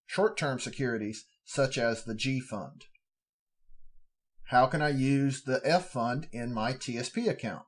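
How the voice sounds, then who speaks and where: A man hosting a podcast, steadily reading formal fund descriptions aloud and breaking off now and then for plain spoken asides. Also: medium pitch. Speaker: podcast host.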